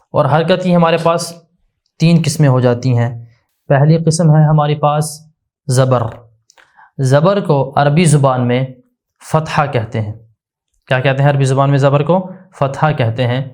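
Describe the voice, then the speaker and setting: A man giving a religious grammar lesson, slowly explaining and drilling each point by asking a question and answering it himself. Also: a little high, a little mellow. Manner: slow, deliberate, repetitive explanation. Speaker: religious teacher.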